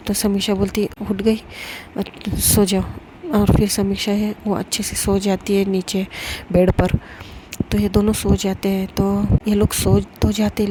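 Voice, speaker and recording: A woman tells a romantic audio story in a casual, conversational way, as if recounting it to a friend. Her voice stays flat and level, with little rise or fall. A steady hiss and occasional clicks sit behind her. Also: mid-range voice. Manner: plain, conversational retelling. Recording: noisy home recording with clicks.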